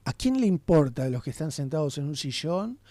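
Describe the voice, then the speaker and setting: A man's voice: a little high, very animated, fairly quick, mellow. A man, a guest in a radio interview, talking passionately and often checking in with his listener. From Argentina. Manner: passionate, talks with rhetorical tags.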